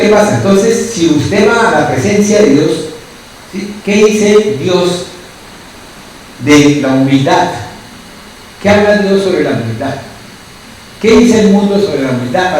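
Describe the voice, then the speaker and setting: A man's voice: a little high, darkish tone, distant mic, slight background noise. Preaching man in an echoey hall. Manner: asks the congregation constant questions. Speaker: pastor. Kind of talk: sermon.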